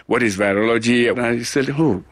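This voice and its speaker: A middle-aged man from Cameroon, a global health scientist answering interview questions in an earnest, deliberate way with frequent restarts. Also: medium pitch, fairly bright tone, dry recording.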